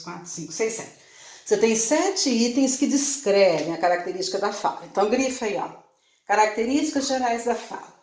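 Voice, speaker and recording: A woman's voice: fairly low pitch, a little mellow. A woman teacher with a Brazilian Portuguese accent, giving a chatty lesson, repeating points and asking her students questions. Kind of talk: online class lesson. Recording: echoey room.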